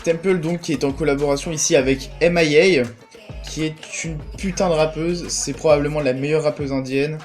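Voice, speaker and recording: A man's voice: fairly high pitch, steady tone, moderate pace, darkish tone, soft background music. A young man hosting a casual spoken album review, chatty and enthusiastic, with lots of "euh" fillers. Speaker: music reviewer, channel host.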